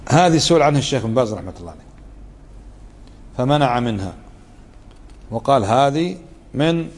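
A man gives a religious lesson, moving from explanation to brief demonstrations of tone. His middle-pitched voice carries a long reverb, as if recorded in a large hall. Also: lively intonation, fairly quick, a little mellow. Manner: conversational, keeps asking the listeners to confirm; acts out tones of voice to show meaning. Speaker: religious teacher. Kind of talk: lesson commentary.

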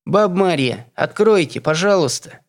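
A man's voice: medium pitch, moderate pace, natural voice. A man voicing a blunt, determined young woman who presses with direct questions. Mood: eager.

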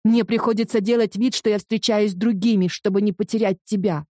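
A woman's voice: mid-range voice, steady tone, a little fast, mellow, no echo, studio quality, lightly acted. A woman voicing a hurt, insistent young man who is pleading with his lover in an audiobook. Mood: exasperated.

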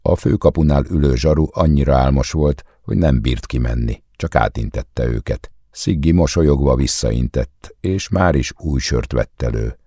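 A man calmly reading literary fiction aloud as an audiobook narrator, measured and even. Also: very deep voice, husky, dry recording, clean studio sound. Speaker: audiobook reader.

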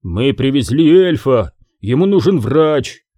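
A man's voice: fairly high pitch, sing-song, measured pace, dark tone, dry recording, clean studio sound. A man playing a stern old protector. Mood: urgent, angry. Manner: stern, angry.

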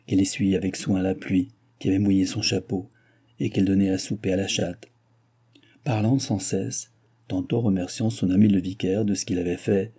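A man reading a classic novel aloud as an audiobook in a measured, literary narration. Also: low voice, dark tone, husky. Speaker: audiobook reader. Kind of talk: scripted narration.

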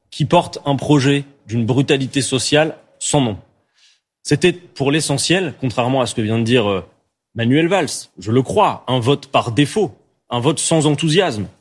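A man, a politician, delivering a measured, forceful political address. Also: medium pitch, breathy edge. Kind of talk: political speech.

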